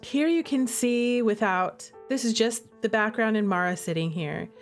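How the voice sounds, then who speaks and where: Slightly high and moderately paced, a woman streamer chats casually and playfully over her own game. She's giggly and emphatic, driving points home with tags like "okay?" and "all right?" while background music plays.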